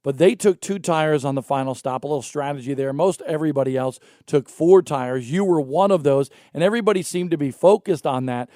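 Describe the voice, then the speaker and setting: Male morning show host, chatty and teasing, slightly high voice with a dry studio sound. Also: brisk, few pauses, mellow, dry recording. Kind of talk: casual morning show chat.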